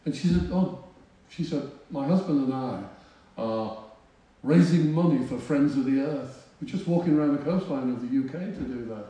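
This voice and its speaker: A man tells a story from the pulpit in a chatty, self-mocking way. His voice is mellow and warm. He sounds set back from the microphone in a very echoey hall. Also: mid-range voice, normal speed, distant mic. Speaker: preacher. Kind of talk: storytelling sermon. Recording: roomy hall, voice from off-mic.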